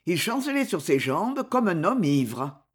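An audiobook narrator reading a nineteenth-century style novel aloud. The delivery is expressive, with a lively, wide-ranging melody over a mid pitch. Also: a little slow, breathy edge. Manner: expressive storytelling. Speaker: audiobook reader. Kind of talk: scripted literary narration.

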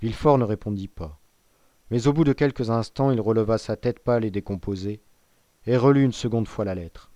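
A man narrating a classic novel in a measured, composed way. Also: lowish voice, mellow, no room sound, muffled recording. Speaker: audiobook reader. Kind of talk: scripted literary narration.

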